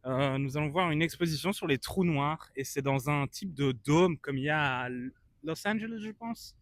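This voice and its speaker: Over faint background guitar, a man with a fairly high voice talks at normal speed in a dry recording. It's a casual vlog chat where he airs his opinions informally and with mock earnestness.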